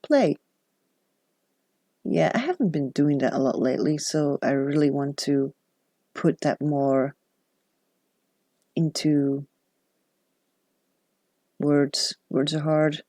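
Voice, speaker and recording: This journaling vlogger, a Dutch-speaking woman by birth, talks slowly in a deep, warm voice and pauses often. The sound is dry and close, with no room sound. Her casual chat is chatty and reflective, sprinkled with self-deprecating asides.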